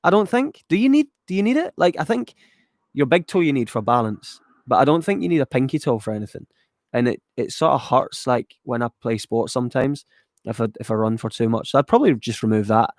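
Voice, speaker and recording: A man's voice: medium pitch, animated, fairly quick, no echo. Rambling Scottish man, dry sound. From Scotland, west of Glasgow. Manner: loose and rambling, many ums, swears casually. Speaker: YouTuber answering viewer chat. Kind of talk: casual live chat reading viewer questions.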